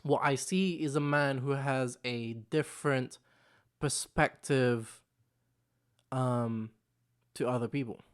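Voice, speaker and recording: A young man from the Philippines who grew up in London from his teens hosts a casual solo vlog, recorded on a camera microphone. His medium-pitched voice has a clean tone, and he talks slowly with frequent pauses. He rambles, repeats himself, and keeps saying "you know what I'm saying".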